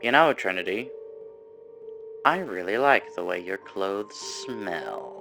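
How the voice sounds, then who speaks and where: An unsettlingly sweet, genteel woman friend, put on by a man, who speaks with an affected transatlantic accent. The voice is pitched well above his own and comes through louder and brighter. She sounds politely solicitous and oddly intimate. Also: animated, slow pace, creaky, music in the background, heavily acted. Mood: creepy fondness.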